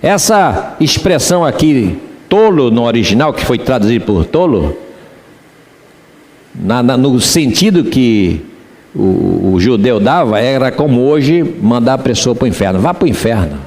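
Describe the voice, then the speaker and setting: Lively Carioca pastor preaching. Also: male voice, mid-range voice, a little slow, big-room sound. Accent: Rio de Janeiro Portuguese. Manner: conversational preaching with rhetorical questions to the congregation. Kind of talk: sermon. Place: church.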